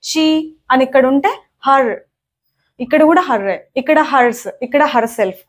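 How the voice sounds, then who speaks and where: A woman's voice: high-pitched, lively intonation, a little slow. Young female language teacher, patient and repetitive, drilling grammar. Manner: repetitive, checks in with "okay?" often. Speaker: English teacher. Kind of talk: spoken lesson explaining grammar.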